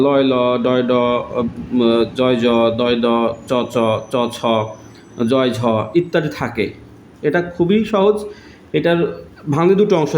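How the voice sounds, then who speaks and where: A man teaching a grammar lesson, patiently repeating words and pausing often. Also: high voice, a little mellow. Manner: patient, repeats words slowly with many pauses. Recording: echoey room with faint noise.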